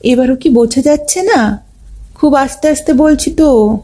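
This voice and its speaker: A woman's voice: high-pitched, unhurried, voice pushed up. A woman voicing a playful, affectionate young wife who teases her husband in a story. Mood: teasing. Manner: teasing, lively.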